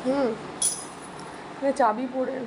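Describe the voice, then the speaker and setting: High-voiced woman vlogging around her home. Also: fairly even intonation, takes it slowly, background noise. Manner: chatty, scolds and coos at pets. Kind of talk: casual home vlog chat.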